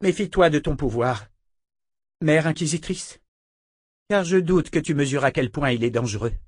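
In an audiobook, a man voices a stern, cold, commanding sister who wields magic, pitching his voice above its natural level so it sits on the high side. His intonation is lively at a normal speed, captured in a dry recording with clean studio sound.

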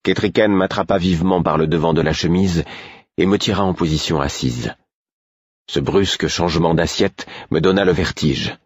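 Low, husky male narrator, measured storytelling, dull dry audiobook sound. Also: dry recording. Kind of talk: first-person novel narration.

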